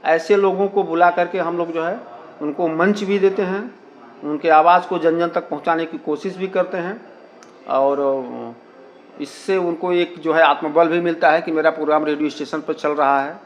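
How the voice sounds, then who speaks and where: Speaking at normal speed in a steady tone, a man with a fairly high voice explains his community radio station in an interview. He repeats himself and scatters English words and filler phrases through his Hindi, and the recording has its highs cut off.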